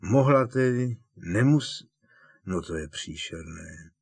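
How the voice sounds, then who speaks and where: A man voicing an elderly, fussy and sentimental potions teacher in an audiobook, talking in halting, emotional bursts. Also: on the low side, lively intonation, gravelly, slightly rough, no echo, heavily acted. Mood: flustered.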